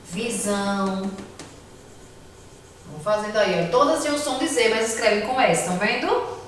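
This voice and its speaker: A Brazilian woman teacher giving a patient, slow lesson to children, sounding out words one by one. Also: on the high side, expressive, far from the mic, slight background noise. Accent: Brazilian Portuguese. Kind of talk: remote class lesson for children. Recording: echoey room, voice from off mic.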